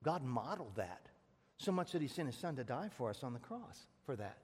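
A man's voice: mid-range voice, very animated, a little fast, darkish tone, husky, in a large hall. A man preaching a sermon to his congregation in a folksy, rambling way, with jokes along the way. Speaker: pastor. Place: church sanctuary.

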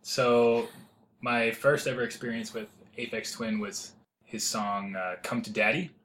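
A man's voice: mid-range voice, level tone, unhurried, a bit bright, slight background noise. A young man co-hosting a podcast, chatting casually and hesitantly with many fillers. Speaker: co-host. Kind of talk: casual chat.

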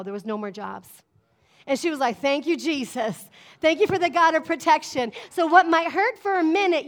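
High-pitched lady pastor preaching, emphatic, keeps asking the crowd amen. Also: fairly bright tone. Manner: emphatic, call-and-response preaching with frequent "amen?". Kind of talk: sermon.

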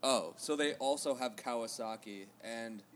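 A man making a prank phone call, talking haltingly with lots of ums. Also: medium pitch. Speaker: prank caller.

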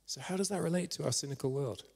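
A man preaching a sermon in an earnest manner, at times dropping to a hushed storytelling voice. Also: on the high side, quick pace, gravelly, slightly rough. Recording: long reverb of a church hall.

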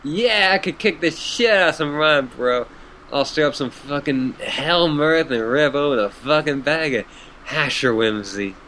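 A man's voice: a little high, expressive, measured pace, pushed and bright, slight background noise. A man voicing a laid-back, stoned male clown troll who drawls, swears and honks. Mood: mellow.

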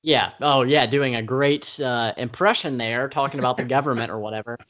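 A man's voice: mid-range voice, fairly quick, a bit bright, highs cut off. A man co-hosting a film podcast, talking casually and rambling with many fillers and restarts. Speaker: podcast co-host. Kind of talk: casual film-review chat.

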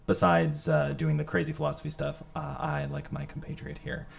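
A man's voice: a little high, sing-song, fairly quick, gravelly. A young man co-hosting a podcast in casual chat, rambling and hesitant with many fillers. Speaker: podcast co-host.

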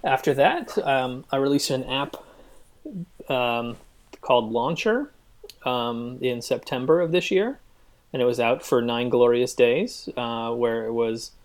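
A man chatting on a podcast as a guest, halting and full of ums and uhs, with a dry sense of humor, recorded in a cabin. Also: medium pitch. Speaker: guest app developer. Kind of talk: casual podcast chat.

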